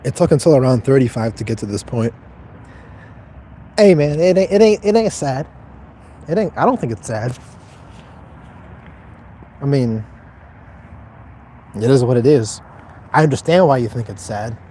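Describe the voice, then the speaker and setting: A man's voice: medium pitch, animated, moderate pace, long pauses, mellow, slight background noise. A man in his twenties livestreaming, reading chat questions aloud and answering them in a blunt, profane, detached way. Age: 20s.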